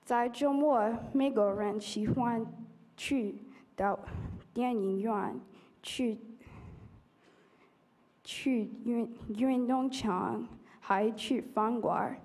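Slow, halting American teenage girl speaking learner's Mandarin. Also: a little high, darkish tone. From United States. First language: English. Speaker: high school student contestant. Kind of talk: prepared contest speech. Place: auditorium stage at a podium. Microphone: podium microphones.

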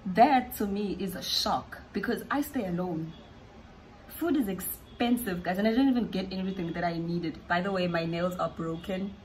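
A woman's voice: lowish voice, moderate pace, a little mellow, a little hiss or hum, poor audio. A South African woman vlogging casually at home, chatty and fond of repeating words for emphasis. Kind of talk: casual vlog chat.

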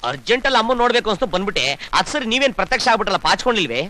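A man's voice: sits high, big pitch swings, very fast, bright, forceful tone, dry recording, heavily acted. An actor playing a cocky, spoilt young village headman who banters and cracks cheeky jokes. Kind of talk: Kannada film dialogue.

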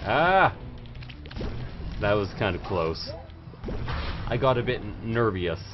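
A man's voice: on the low side, normal speed. A young man giving casual livestream game commentary in a rowdy, silly, tipsy party-animal way. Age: young adult. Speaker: livestream host playing a video game. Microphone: microphone pulled close to the face. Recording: dull lo-fi stream audio with music. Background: game music.

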